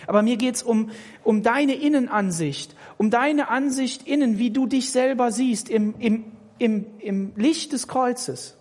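An emphatic preacher delivers a sermon, addressing each listener personally and repeating words to press a point. The voice rings out with a long reverb from a large church hall. The pitch sits in a middle range. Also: measured pace, darkish tone.

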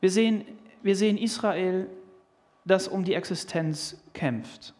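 A man with a German accent preaching a sermon, animated and emphatic, with restarts and fillers. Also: high voice, unhurried.

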